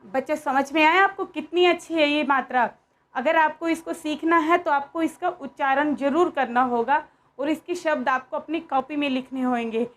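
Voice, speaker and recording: A woman's voice: high-pitched, moderate pace, a bit bright. A woman teaching young children a lesson, patiently explaining and asking them questions.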